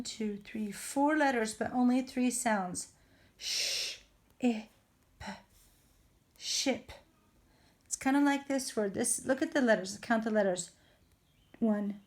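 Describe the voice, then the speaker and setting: A woman teacher giving a phonics lesson to young children, sounding out letters and words with slow, exaggerated speech. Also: fairly high pitch, darkish tone.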